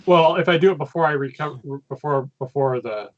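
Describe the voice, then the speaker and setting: A man playing a tabletop game, discussing his moves casually in a hesitant, halting way over lo-fi voice chat. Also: a little high.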